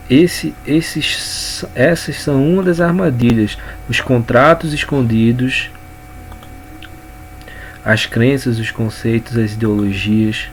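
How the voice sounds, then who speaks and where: A man with a Brazilian Portuguese accent giving an informal spoken lesson on communication, unhurried and repeating words as he explains. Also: medium pitch, slight background noise. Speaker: communication coach.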